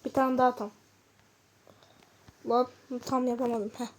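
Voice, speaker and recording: A woman's voice: fairly high pitch, flat delivery, unhurried, darkish tone. A woman giving casual commentary while playing a game, chatting and muttering to herself with frustrated outbursts. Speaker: gamer.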